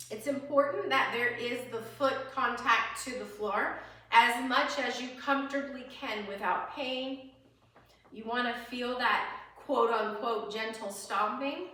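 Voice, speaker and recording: A woman's voice: on the high side, sharp tone. A woman teaching a chair yoga class, guiding each move with breath cues in an encouraging, chatty way with small laughs. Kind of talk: guided exercise instruction. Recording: echoey room, mic at a distance.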